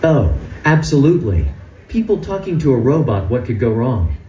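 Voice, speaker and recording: A synthetic male voice playing a grumpy, sarcastic robot assistant, with a dry, mock-theatrical delivery, heard through a loudspeaker in a large hall. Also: medium pitch, big pitch swings, moderate pace, slight background noise. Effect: synthetic text-to-speech voice.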